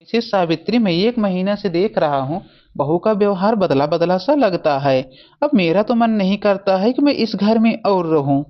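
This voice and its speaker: A woman voicing a calm old father-in-law. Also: medium pitch, normal speed, muffled recording, natural voice. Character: kindly older father-in-law. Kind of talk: cartoon family story voice acting.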